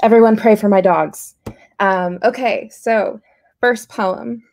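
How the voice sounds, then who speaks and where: Mellow-voiced woman reading poetry. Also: mid-range voice, takes it slowly, vocal fry. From Costa Rica. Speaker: poet.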